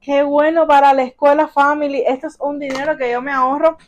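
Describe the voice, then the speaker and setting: A young Cuban woman, a mother and vlogger, unboxes gifts at home in a casual vlog, gushing, exclaiming and repeatedly calling her viewers family. She speaks briskly in a Cuban accent, with a high voice and level tone.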